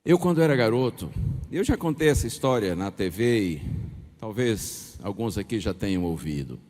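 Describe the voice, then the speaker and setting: A man's voice: fairly low pitch, normal speed. A middle-aged man from Bahia, Brazil, telling a personal story in a sermon as pastor and acting out the dialogue. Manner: lively anecdotal storytelling with chuckles and acted dialogue. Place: large hall or church with audience. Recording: preacher in a reverberant hall.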